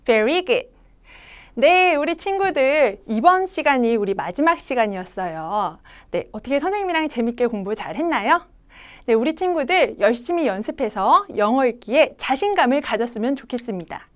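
A young woman teaching English pronunciation to children, modeling words slowly for them to repeat and praising them. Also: sits high, sing-song. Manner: bright, encouraging teacher voice. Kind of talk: children's phonics lesson.

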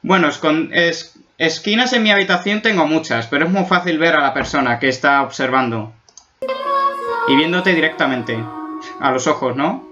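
A man's voice: fairly high pitch, moderate pace, music in the background. A man from Spain doing a casual video reaction, joking and exaggerating as he gets spooked, on a dull lo-fi recording. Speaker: YouTube reactor.

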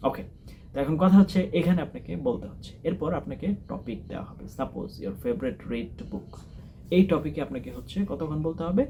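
A man's voice: fairly high pitch, fairly quick, noisy background. A man hosting a test-preparation channel, explaining speaking practice step by step and mixing English phrases into his lesson. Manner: mixes English phrases into explanations, repeats points. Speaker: test-prep channel host. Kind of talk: instructional talk.

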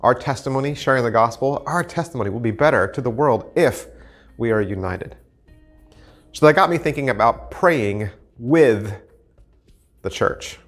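A man's voice: mid-range voice, animated, moderate pace, soft background music. Male pastor in his 50s; earnest, chatty devotional to camera, lapel mic, empty sanctuary. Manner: earnest, conversational, gestures while talking. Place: empty church sanctuary, indoors, large.

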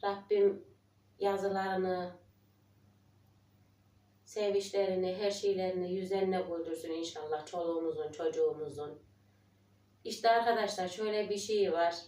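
A village life vlogger in her forties speaks in a lowish, dark voice at normal speed, with fairly even intonation and frequent pauses. Her emotional chat with viewers is tearful and prayerful, her voice trembling, and she quotes others. The mic is distant and the sound roomy.

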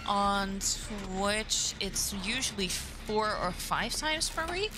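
This Dutch-speaking woman talks slowly in a mid-range voice with lively intonation, chatting on a live stream as she plays. She comments out loud on the match over game music and background noise.

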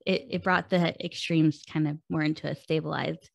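Low gravelly-voiced woman podcast host. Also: fairly even intonation, normal speed, no echo. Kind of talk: interview conversation.

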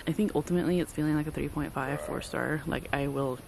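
Her low voice has a steady tone and vocal fry, and she talks fast. She's a book vlogger in her thirties chatting and rambling casually with frequent ums at a lakeside campsite, recorded on a phone held at arm's length with background noise outdoors.

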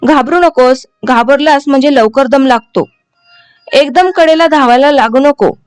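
A young man coaches a scared boy with patient, coaxing instructions, as a woman narrator plays him. The voice sits high and light. Faint music runs underneath. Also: unhurried. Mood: encouraging. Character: encouraging young man teaching a boy to swim.

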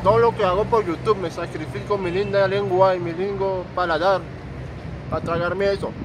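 A man's voice: sits high, fairly even intonation, normal speed. A man vlogging a food challenge, talking through a full mouth with joking, self-mocking commentary. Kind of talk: casual vlog monologue. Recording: outdoor street with clear traffic noise.

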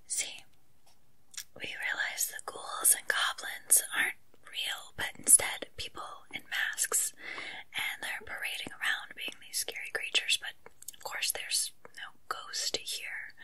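A woman in a whispered role-play as an earnest, unsure investigator, breathy and gently coaxing as she questions a witness. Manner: hesitant, coaxing, soft-spoken questioning.

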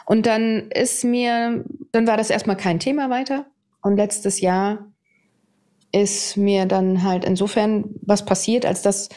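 A woman in her fifties, a TV presenter, telling her personal story to an interviewer in a candid, animated way. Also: medium pitch. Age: 50s. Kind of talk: personal testimony in conversation.

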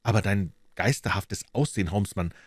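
A man's voice: lowish voice, moderate pace, husky, dry recording. A man voicing an earnest doctor friend asking questions in an audiobook. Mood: puzzled. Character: puzzled male doctor friend.

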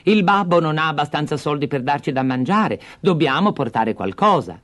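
A man's voice: fairly high pitch, expressive, moderate pace, a bit bright, pitched above the performer's own voice. A man voicing a polite, sensible young boy in a fairy tale, in a plain, earnest tone.

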